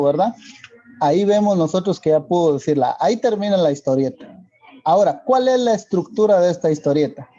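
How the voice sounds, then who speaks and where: A male teacher with a Guatemalan Spanish accent, explaining a lesson slowly and checking in with rhetorical questions. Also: high voice, mellow, highs cut off. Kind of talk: classroom lesson for video.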